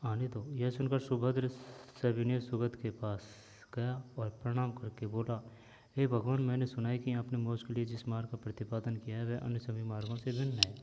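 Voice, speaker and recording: Male teacher reading a lesson aloud, dark mellow tone, long reverb on a dull lo-fi recording. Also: medium pitch, level tone, a little hiss or hum. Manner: reads steadily, pauses to explain words. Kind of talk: reading a story aloud with explanations.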